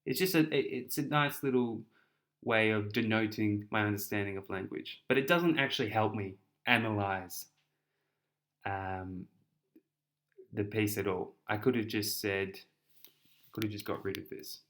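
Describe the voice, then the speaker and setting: A man's voice: lowish voice, fairly even intonation, measured pace, a bit bright. A young man with an Australian accent explains an essay in a chatty, casual tutoring style, often repeating words and restarting.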